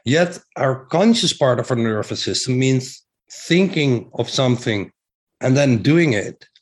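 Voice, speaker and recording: An enthusiastic middle-aged man from the Netherlands, with a thick Dutch accent, talks casually as a guest about his breathing work. His mid-range voice has lively intonation and an unhurried pace, and he restarts often and leans on fillers.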